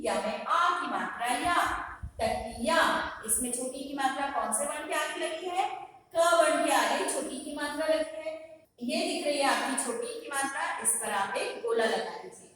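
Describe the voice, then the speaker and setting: High-voiced woman teaching in an echoey room. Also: fairly bright tone, a little hiss or hum. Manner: slow, patient, repeats words for pupils to echo. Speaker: primary school teacher. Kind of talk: Hindi phonics lesson for young children. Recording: very echoey room, recorded from a distance.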